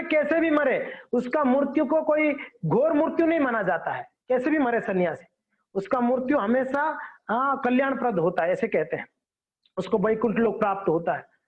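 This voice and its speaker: High-voiced man preaching over tinny audio. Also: animated, moderate pace. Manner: storytelling with acted-out quotes. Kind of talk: devotional storytelling sermon.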